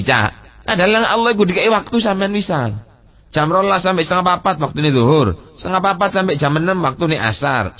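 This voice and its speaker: A man with an East Javanese accent preaching at a religious study session, lively, asking rhetorical questions and speaking straight to his listeners, now and then chanting Arabic text with a Javanese gloss. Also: fairly high pitch, highs cut off. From East Java. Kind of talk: mosque study sermon mixing Indonesian and Javanese.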